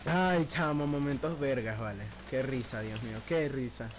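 A man's voice: medium pitch, normal speed, slight background noise. A man with a Venezuelan accent giving casual gameplay commentary with a friend, laughing often and swearing casually. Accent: Venezuelan Spanish. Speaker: gaming video creator.

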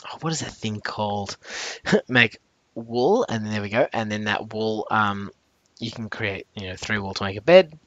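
A young man hosts a casual gameplay commentary with a somewhat low voice that still sounds bright and edged. He rambles, trips over his words and fills pauses with ums, then reacts sharply whenever something threatens him. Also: expressive, lo-fi sound. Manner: rambling with many fillers and self-corrections; jumpy reactions to in-game danger. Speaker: channel host.

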